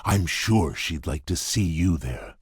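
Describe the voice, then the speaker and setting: A courtly fairy-tale beast prince for a video game, with a deep and heavily husky voice. He speaks slowly and formally, gruff yet shy and earnest. The sound is close and dry. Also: animated, dry recording, exaggerated voice. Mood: warm, grateful. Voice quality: husky, deep, gravelly rumble. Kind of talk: video game character voice lines.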